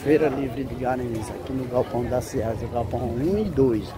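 A man's voice: medium pitch, normal speed. A man with a northeastern Brazilian accent giving a casual, repetitive walking tour commentary, pointing things out to viewers. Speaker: vlogger. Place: busy open-air street market. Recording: loud street market crowd and traffic noise. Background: crowd, street noise, vehicles.

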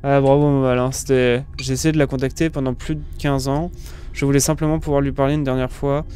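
A man's voice: mid-range voice, level tone, brisk, mellow, slight background noise. A young man commentating a game casually, swearing and thinking aloud in slang. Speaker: let's play streamer. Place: small room with gaming setup, indoors. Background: game music.

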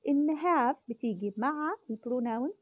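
A woman with an Egyptian accent teaching English words to young children, explaining in Arabic and repeating each word slowly many times. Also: sits high, animated, husky. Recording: dull lo-fi recording.

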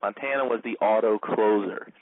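A man's voice: lowish voice, normal speed, a little hiss or hum. A male radio host casually telling a long, rambling story, with lots of fillers. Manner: rambling, full of "like" and "you know". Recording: narrow phone-like band, dry.

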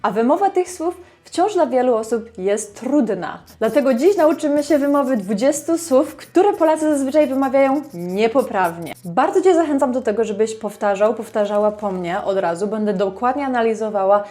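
A woman with a Polish accent teaching English pronunciation, upbeat and encouraging, modeling each word slowly. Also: fairly high pitch, animated, warm tone. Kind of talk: pronunciation lesson, modeling words to repeat.

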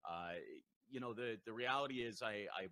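A man's voice: medium pitch, moderate pace, bright, forceful tone, dry recording, poor audio. A man speaking as a guest on a panel over a voice call, talkative and upbeat with plenty of fillers. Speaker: panel guest, company founder. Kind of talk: casual panel chat.

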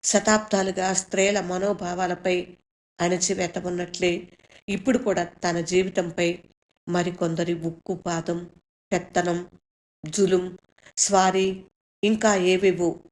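Slow, flat-voiced woman reading a story. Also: lowish voice. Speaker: author reading her own story. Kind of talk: story narration.

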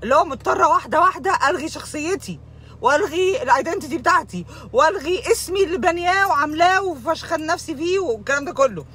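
A woman's voice: high voice, animated, fast, sharp tone. A young Egyptian woman with an Egyptian Arabic accent, hosting a video and ranting dramatically, sometimes sliding into mock sobbing and dropping in English words. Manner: mixes English words into speech. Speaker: video host. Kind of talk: comedic emotional rant.

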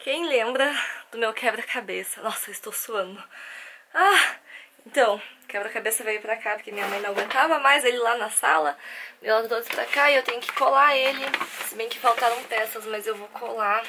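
A young woman from Brazil with a Brazilian Portuguese accent, chatting casually and excitedly to the camera in her bedroom vlog. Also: on the high side, a little fast. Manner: chatty and bubbly, squeals with excitement. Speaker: vlogger.

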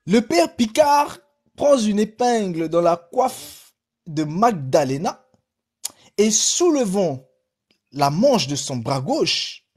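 A man teaching through a story he reads aloud on a live stream, with asides to his viewers. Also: sits high. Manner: animated, addresses the audience directly.

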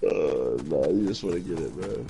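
A man's voice: sits low, expressive, moderate pace, vocal fry, heavy background noise. A young man gaming with friends, laid-back and teasing, swearing often. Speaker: gamer. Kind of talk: casual gaming banter.

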